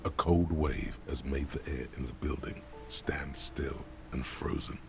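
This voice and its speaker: A grave game narrator, rock-bottom voice, gravelly. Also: male voice, rumbling low, fairly even intonation, a little slow. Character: deep-voiced all-knowing male game narrator. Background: game music.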